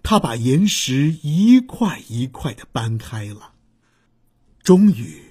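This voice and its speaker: A woman reading a children's story aloud, expressive and acting out the sound effects. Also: a bass voice, slightly rough.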